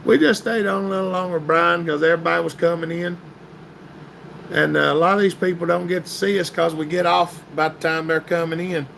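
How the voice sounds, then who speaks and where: A male livestream host sits at a metal table in an indoor workshop room, reading chat and answering viewers by name in a folksy, casual way. His voice is a little high, steady, brisk and a bit bright, but it's getting hoarse and stuffy, with a gravelly edge. Light hiss sits in the background.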